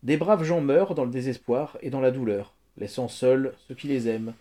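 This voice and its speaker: A man reading the lines of a kindly older man who gently counsels a grieving child in a storybook reading. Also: mid-range voice, normal speed, close to an everyday voice. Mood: earnest. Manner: earnest, soothing counsel.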